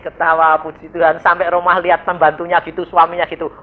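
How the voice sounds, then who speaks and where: A man, an evangelist preaching a sermon in a lively storytelling way, acting out voices and sound effects. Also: on the high side, fast talker. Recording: dull lo-fi sermon recording.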